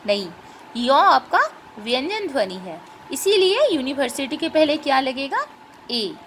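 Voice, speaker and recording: Woman teacher, patient grammar explanation, spells sounds out slowly, faint background noise. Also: sits high, very animated, fairly bright tone. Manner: patient, checks in with rhetorical questions.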